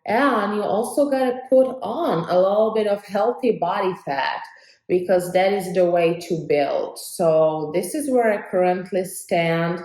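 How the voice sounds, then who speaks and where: A woman's voice: medium pitch, a little slow, darkish tone, rough recording. A woman in her twenties from Slovakia with a Slovak accent, talking casually and earnestly to camera in a fitness vlog. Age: 20s. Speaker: fitness vlogger.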